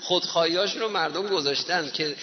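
A man's voice: fairly high pitch, lo-fi sound, crowd noise. Emotive preacher man in a reverberant hall. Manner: emotive, rhetorical questions to the audience. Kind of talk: religious sermon.

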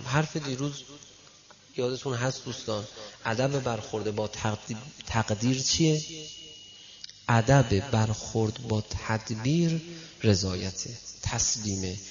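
A male preacher giving a sermon, telling stories and speaking directly to his listeners, with a gravelly voice. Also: mid-range voice. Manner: storytelling, addresses listeners directly, animated quoting. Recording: dull lo-fi recording.

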